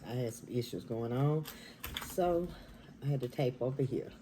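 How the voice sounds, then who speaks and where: A woman, chatting casually while eating on camera in her dining room, talking softly and half-whispering. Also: rumbling low, moderate pace, noisy background. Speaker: mukbang vlogger.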